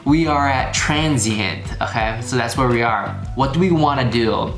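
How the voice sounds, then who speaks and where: This male flying instructor hosts a video tutorial in a casual, informal style, with a medium pitch, lively intonation, and normal speed. He repeats key phrases for emphasis against background music and a roomy echo.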